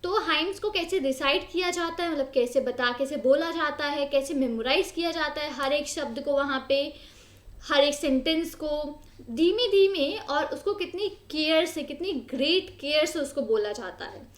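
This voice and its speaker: A young woman teaching an exam-prep history lesson. She explains in Hindi with many fillers, repeats and rephrases her points, and reads English textbook lines slowly. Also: high-pitched, reverberant.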